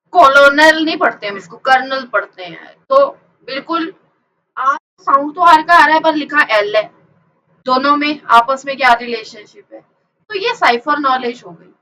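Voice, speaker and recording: A woman's voice: high-pitched, pushed and bright, rough recording. A woman teacher explaining a lesson from slides. She asks questions and answers them herself, and she mixes English terms into her explanation.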